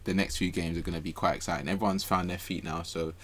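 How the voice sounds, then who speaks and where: A man's voice: low voice, flat delivery, quick pace. A man, a guest on a football podcast, talking with enthusiasm and often repeating his words. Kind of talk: casual football podcast chat.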